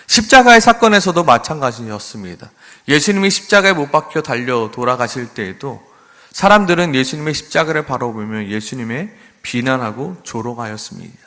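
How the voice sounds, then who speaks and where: A man's voice: medium pitch, animated, fairly quick, sharp tone, big-room sound. A man preaching a sermon as pastor, earnest, sometimes acting out mocking voices.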